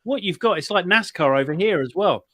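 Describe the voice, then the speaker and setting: A man's voice: sits high, animated, a little fast, sharp tone, no echo, studio quality. A man on a panel in casual discussion, hedging and circling back over his words as he makes his point.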